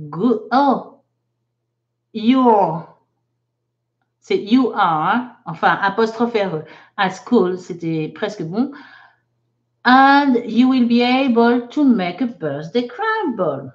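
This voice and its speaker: A woman with a slightly high voice teaches a live online English lesson, reading viewers' chat sentences aloud and correcting them patiently. She explains slowly and carefully, and the sound is lo-fi.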